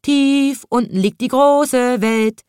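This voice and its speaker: A cheerful little chimney sweep boy from a children's storybook, with a high, lifted voice that sings and cries out, as a woman reads him. He sounds small, lively and a touch distant. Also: takes it slowly, clear, resonant tone, no echo, clean studio sound. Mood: singing. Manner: sing-song, then crying out.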